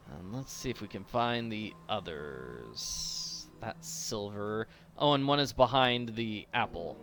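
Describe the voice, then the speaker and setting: A man's voice: medium pitch, bright, forceful tone, slight background noise. A man hosting a game walkthrough with casual, playful, jokey commentary.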